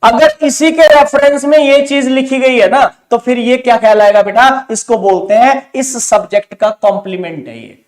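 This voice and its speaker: A man with a very high-pitched voice teaches grammar in an online exam-prep class, speaking with an Indian English accent. He moves between Hindi and English, keeps asking students whether they follow, and slows to a careful, drawn-out pace for each English example sentence.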